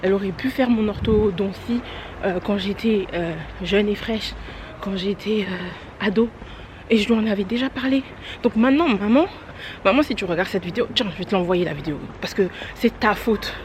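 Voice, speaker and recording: A young woman talking casually to her vlog audience as she rushes around town, exasperated and hurried, dropping English phrases into her speech. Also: medium pitch. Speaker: vlogger. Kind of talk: casual day-in-my-life vlog chat. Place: outdoors on city streets and at a bus stop. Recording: street noise and passing vehicles behind.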